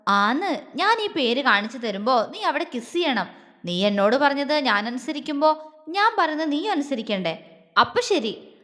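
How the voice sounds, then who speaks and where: A playful young man who teases his sweetheart fondly, as a woman narrator plays him. The voice stays fairly high, and a long hall reverb trails after each line of this romantic audio story. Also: sing-song, normal speed, fairly bright tone. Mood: teasing. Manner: teasing, playful. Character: teasing affectionate young man, playful lover.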